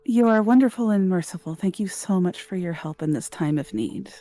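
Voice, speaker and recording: A woman's voice: lowish voice, lively intonation, a little fast, dark tone, lightly acted. A woman voicing a humble, grateful priestess who speaks politely and hesitantly. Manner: deferential, hesitant.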